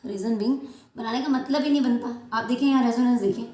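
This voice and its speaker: Fairly high-pitched but darkish in tone, a woman talks quickly through a chemistry lesson, using familiar analogies and pausing to make sure her students understand. The room has a noticeable echo.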